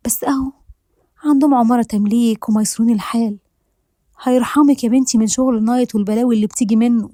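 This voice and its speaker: A woman's voice: fairly high pitch, fairly even intonation, very fast, mellow, dry recording, clean studio sound, natural voice. A woman voicing a cheerful, cheeky young neighbor who gossips and teases, with an Egyptian accent. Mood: nosy. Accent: Egyptian Arabic. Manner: bubbly, gossipy.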